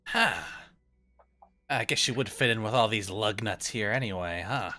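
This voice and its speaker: A man voicing a brash female pirate with rough, taunting pirate talk in a tabletop game. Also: lowish voice, normal speed, pushed and bright, voice pushed up.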